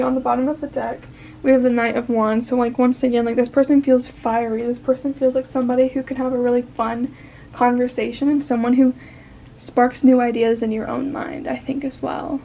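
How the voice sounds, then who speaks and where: A young woman giving a casual tarot card reading, tired and a bit croaky, chatty and rambling with fillers and soft laughs. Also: a little high, slight background noise. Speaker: tarot reader.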